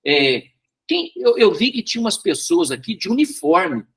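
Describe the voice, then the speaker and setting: A man leads a Bible study with a high, husky voice that rises and falls a great deal. He tells a story in a loose, repetitive way and keeps checking in with his listeners. His delivery sounds informal and unscripted. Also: sing-song, moderate pace, fairly bright tone. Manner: repeats words, frequent tag questions.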